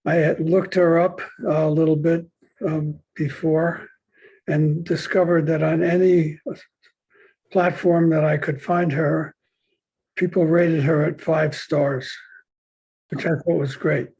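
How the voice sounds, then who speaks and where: A man's voice: a little high, flat delivery, takes it slowly, creaky, a little mellow, slightly rough, rough recording. A man hosting a podcast interview, asking chatty questions with some hesitation. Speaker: podcast host. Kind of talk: conversational interview.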